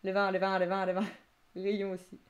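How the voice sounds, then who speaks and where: A woman's voice: mid-range voice, normal speed, muffled recording. A young woman teaching Japanese vocabulary on a live stream, reading out and reacting to chat answers with frequent laughter. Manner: lively, laughs often, reads chat answers aloud.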